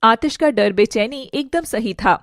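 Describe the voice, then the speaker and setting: A woman's voice: fairly high pitch, lively intonation, measured pace, background noise. A woman narrating a dramatic family story expressively.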